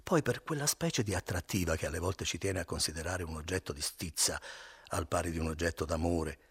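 Deep gravelly male audiobook narrator. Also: a little fast, no room sound. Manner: expressive, dramatic reading.

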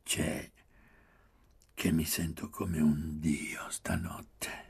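A man voicing a languid, soft-spoken rich young man who mocks gently, in a hushed, slow half-whisper. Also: fairly low pitch, vocal fry, husky, full character voice. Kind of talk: audiobook character voice.

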